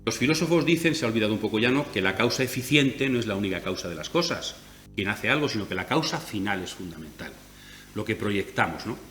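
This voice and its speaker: A man's voice: animated, fast, a bit bright. Lecturing Spanish man in echoey hall. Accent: Castilian Spanish. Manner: explanatory, with frequent rhetorical "¿no?" tags. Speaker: lecturer on biblical theology. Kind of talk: conference lecture. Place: conference hall. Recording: echoey hall with faint rumble.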